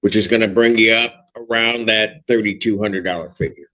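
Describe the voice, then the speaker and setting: Brisk male judge on a lo-fi recording. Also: on the low side, steady tone, bright, forceful tone. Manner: brisk, directive. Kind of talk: courtroom hearing.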